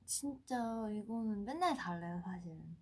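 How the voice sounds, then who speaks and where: A woman in her twenties hosting a casual livestream, chatting playfully with fans and often dropping to a hushed tone. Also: mid-range voice, lively intonation, normal speed. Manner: playful, often drops to a soft hush. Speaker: idol livestream host. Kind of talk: casual livestream chat, answering fan comments.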